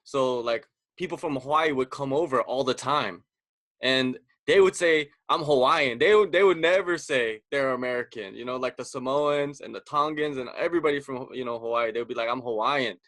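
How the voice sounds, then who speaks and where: This podcast host is a man from the US West Coast, speaking at a medium pitch and moderate pace with a slightly bright tone and no room sound. His interview style is casual and conversational, packed with fillers like "like" and "you know."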